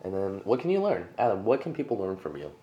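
A man's voice: deep voice, big pitch swings, fast, lo-fi sound. A man co-hosting a casual fitness podcast, rambling with fillers, laughing and eating between thoughts. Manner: rambling, many fillers and restarts; talks while eating, laughs often. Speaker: podcast co-host.

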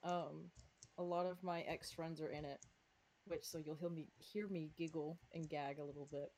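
A woman's voice: deep voice, fairly even intonation, normal speed, darkish tone. A woman with a slight lisp on her S sounds, reading her own fanfic aloud to friends and breaking off for giggly asides. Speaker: fanfic reader and author.

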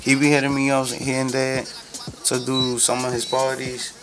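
A man's voice: medium pitch, monotone, moderate pace, a bit bright. A man with a Dominican accent in a casual podcast chat, using street slang and switching between English and Spanish. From Dominican Republic. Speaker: guest DJ. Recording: music behind the voice.

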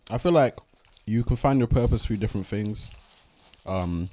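Laid-back young man, lowish voice. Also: moderate pace, mellow. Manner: laid-back and joking, swears casually. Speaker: podcast co-host. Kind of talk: casual late-night podcast chat.

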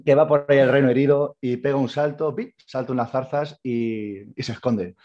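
A man's voice: medium pitch, steady tone, moderate pace. A man from Spain co-hosting a podcast, casually retelling an old tale and acting out the characters' lines. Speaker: podcast co-host. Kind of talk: casual storytelling. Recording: slightly dull lo-fi audio.

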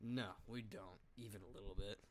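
A man's voice: fairly low pitch, steady tone, a little fast. A man bantering casually over a game, crude and swearing heavily. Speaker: gaming podcast co-host. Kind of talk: casual chat while gaming.

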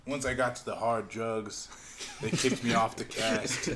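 A man's voice: mid-range voice, fairly even intonation, a little slow. A man with a brash, slangy way of talking, joking crudely as a podcast guest in a garage. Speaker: returning guest and former co-host. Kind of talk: casual, crude joking banter. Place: in his own garage. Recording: noisy garage recording with clicks.

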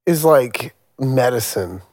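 A man's voice: medium pitch, lively intonation, slow, darkish tone, no echo, studio quality. A man co-hosting a podcast and talking casually about music production, playful and prone to rambling. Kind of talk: casual chat.

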